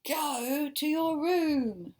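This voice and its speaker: A woman's voice: lowish voice, fairly even intonation, slow pace, creaky, fairly bright tone, voice pushed down, full character voice. A woman voicing an exasperated mother scolding her little boy in a storybook read-aloud. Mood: stern.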